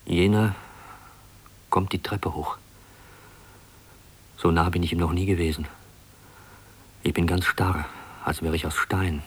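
A tense narrator with a husky voice. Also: male voice, deep voice, steady tone, a bit bright, heavily acted. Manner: measured, introspective. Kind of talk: German radio play.

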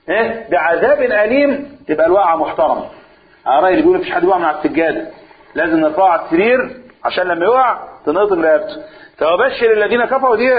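A man with an Egyptian accent teaching a religious lesson, quizzing listeners with quick rhetorical questions and reciting scripture slowly. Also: on the high side. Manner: switches between colloquial talk and slow recitation. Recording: tinny phone-like audio.

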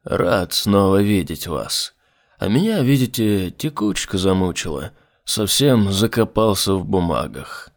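A man reading aloud, voicing a suave male demon envoy in a put-on deep voice with slow, smooth, politely mocking speech. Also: lively intonation. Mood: courteous. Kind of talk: audiobook reading.

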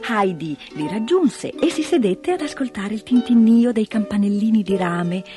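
A woman narrating a fairy tale in an expressive storytelling style. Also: mid-range voice, moderate pace, faint music behind. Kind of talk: storybook reading.

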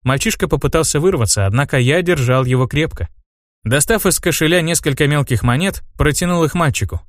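A man narrating a first-person fantasy audiobook in a steady, even storytelling manner. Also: fairly high pitch, fairly quick, dry recording, studio quality.

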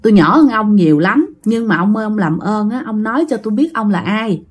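A woman voicing an older village woman who works as a spirit medium, coaxing and pleading gently. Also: mid-range voice, lively intonation, fairly quick, slightly rough.

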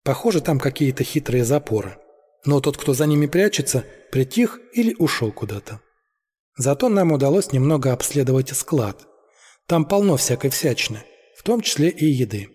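A man voicing a stern, cautious young leader who gives firm orders, in a husky voice. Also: mid-range voice, sing-song, normal speed, warm tone, long reverb tail. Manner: firm, commanding.

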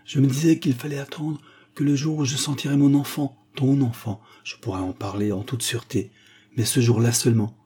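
A man's voice: mid-range voice, steady tone, fairly quick, mellow, husky, voice pushed up, close to an everyday voice. A man reading the lines of a passionate young woman in love, in an ardent, pleading way. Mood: earnest.

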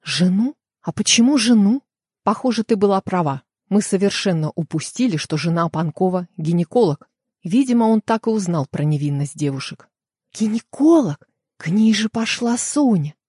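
A woman's voice: on the low side, animated, brisk, dark tone, no room sound, clean studio sound. A woman voicing an insistent young amateur sleuth. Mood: urgent. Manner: urgent, insistent.

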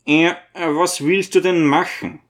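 A man voicing a gentle old priest who speaks in a mild, coaxing, earnest way. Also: fairly high pitch, steady tone, slow pace, pitched above the performer's own voice. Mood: reasoning. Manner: soothing, earnest, coaxing questions.

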